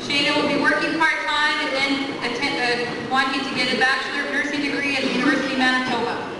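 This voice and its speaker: A woman's voice: high voice, flat delivery, fast talker. A woman announcing graduates at a school ceremony over a PA, reading names and plans with light joking asides, captured on old camcorder home-video audio. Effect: old camcorder home-video recording. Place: large school hall at a ceremony. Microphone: PA microphone, picked up by a distant camcorder. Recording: echoey far-off PA in a hall, heavy hiss and crowd.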